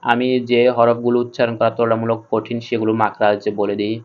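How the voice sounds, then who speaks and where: A man teaching Quran reading, spelling the text out letter by letter in a slow, methodical way. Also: mid-range voice, flat delivery, lo-fi sound. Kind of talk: spelling-out Quran recitation lesson.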